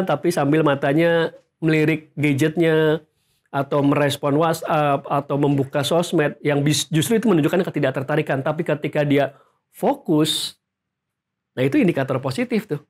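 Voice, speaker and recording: A man coaching salespeople in an instructional video, talking energetically and straight to the viewers. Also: a little high. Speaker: sales trainer. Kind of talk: instructional video talk to camera.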